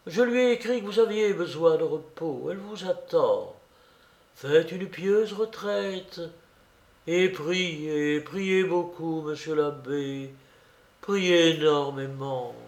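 A man voicing a frail, elderly bishop who speaks gently, haltingly and sorrowfully in a storybook reading. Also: fairly high pitch. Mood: gentle, pleading. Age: older. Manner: soft, halting, pleading. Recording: roomy, echoey recording.

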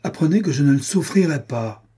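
A man's voice: medium pitch, lively intonation, normal speed, dark tone, husky. A man voicing a jealous, hot-tempered young man who challenges his rival. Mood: indignant. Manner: indignant, challenging.

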